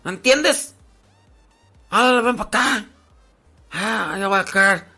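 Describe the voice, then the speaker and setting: A man playing a short-tempered parent who yells and scolds a child in a raised voice. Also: high voice, expressive, slow, faint music behind, voice pushed up, full character voice. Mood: scolding.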